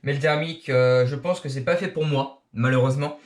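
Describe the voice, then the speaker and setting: Young male RC YouTuber from France, late teens, halting casual delivery, average pitch. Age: young adult. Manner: hesitant, many filler sounds. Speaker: RC hobby YouTuber. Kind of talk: casual self-introduction. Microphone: action camera.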